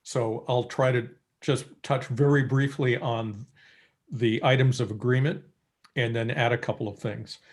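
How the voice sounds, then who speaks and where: A man's voice: medium pitch, steady tone. Man speaking over a group video call. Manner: measured, with frequent filler pauses. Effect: heard over a group video call. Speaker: commission member. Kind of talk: remarks at a public meeting.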